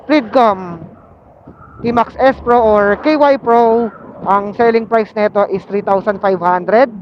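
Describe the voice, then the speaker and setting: The motovlogger, a Filipino man with a high voice, keeps up casual, filler-laden chatter while on his motorcycle in city traffic, code-switching into English. Sound comes through a Bluetooth helmet intercom connected to an action camera, muffled, with faint traffic and road noise in the background.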